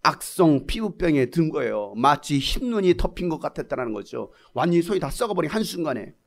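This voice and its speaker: A male pastor giving a lively sermon, often asking the congregation questions. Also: fairly high pitch, brisk, gravelly. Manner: animated, asks the congregation questions.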